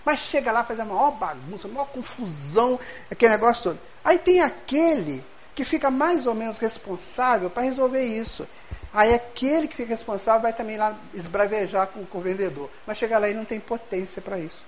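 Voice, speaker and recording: A man's voice: sits high, lively intonation, a little fast, a little hiss or hum. A middle-aged man with a Brazilian Portuguese accent, leading a study group with a spiritual lecture, speaking folksily and acting out little dialogues as he addresses the group.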